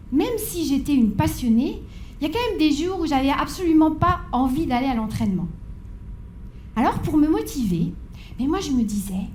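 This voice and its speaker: Speaking at a conference, a woman in her forties recounts her story with a high yet darkish voice that echoes around the hall. Her telling alternates dramatic tension with wry, playful remarks to the crowd, over a faint background hum.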